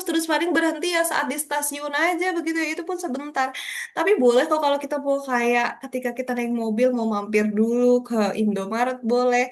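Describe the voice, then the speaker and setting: A woman leading a beginners' public speaking workshop, encouraging her audience and demonstrating tongue twisters and intonation aloud. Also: high voice. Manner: encouraging, addresses audience as Bapak Ibu and kakak-kakak. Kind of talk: workshop lecture.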